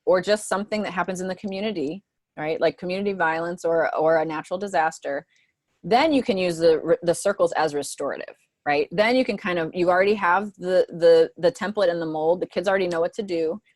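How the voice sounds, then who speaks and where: Presenting to teachers on a video call, this school mentor has a lowish, darkish voice and a brisk pace, tossing in "right?" to check they're following. Her conversational delivery comes through dry and close, without any room sound.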